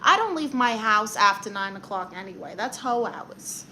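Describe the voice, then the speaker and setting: This young Brooklyn-accented woman from Brooklyn, New York runs a livestream, reading comments from viewers and snapping back with sassy advice and quick, brassy comebacks. Her medium-pitched voice sounds animated, bright and forceful, with a little hiss or hum in the background.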